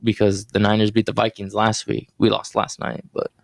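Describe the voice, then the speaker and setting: A man's voice: on the low side, monotone, moderate pace, creaky, dry recording. A man hosting a casual sports podcast, joking and swearing freely in banter with friends. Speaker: podcast host.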